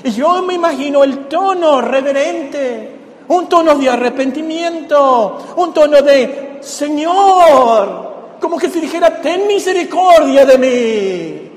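A man's voice: extremely high pitch, slow pace. A man preaching a sermon, explaining a Bible passage and asking the congregation rhetorical questions. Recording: echoey hall with long reverb, faint background noise.

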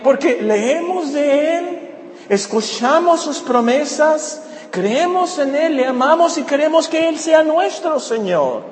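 Animated preaching man in an echoey hall. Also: very high-pitched, slow. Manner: animated preaching, repeats phrases for emphasis. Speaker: pastor. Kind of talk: sermon. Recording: echoey hall with faint ambience.

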